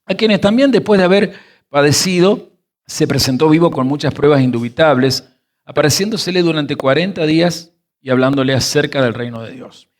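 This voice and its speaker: A man teaching a sermon. He reads verses, then explains word roots slowly and quizzes his listeners. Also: on the high side. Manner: animated, stretches key words slowly. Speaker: pastor teaching scripture.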